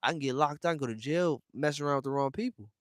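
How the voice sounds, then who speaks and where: His voice a little high and his pace quick, the young man from the United States rants to his livestream viewers in slangy, emphatic style. Fam and bro come up constantly, and the studio sound is clean with no room sound.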